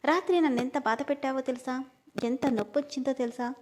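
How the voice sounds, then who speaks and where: A woman's voice: high voice, a little fast, a little mellow. A woman reading the lines of a hurt, angry young wife in a storybook, sounding tearful and accusing.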